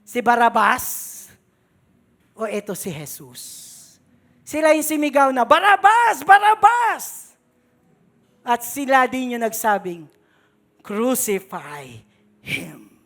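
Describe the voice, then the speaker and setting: A woman's voice: on the high side, fairly bright tone. A woman pastor with a Filipino accent preaching a sermon dramatically in a mix of Tagalog and English.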